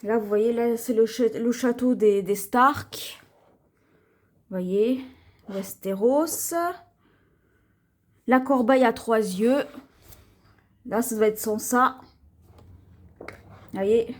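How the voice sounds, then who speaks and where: A woman presenting her shopping haul to viewers in a chatty show-and-tell vlog. She keeps pointing things out and sometimes stumbles over words. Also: on the high side. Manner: slow, chatty, points things out to viewers, often repeats "voyez"; trips over words and restarts names. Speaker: haul vlogger.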